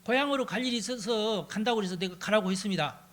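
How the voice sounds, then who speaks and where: A man voicing a loyal young prince who calls out brisk answers and signals. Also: sits high, fairly bright tone. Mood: calling out.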